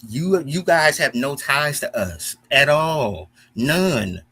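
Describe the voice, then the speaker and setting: Heated, profane American man, animated. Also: fairly high pitch, slow, slightly rough. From United States. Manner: animated, profane, repeats himself when heated. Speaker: commentary host. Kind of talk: heated reaction commentary.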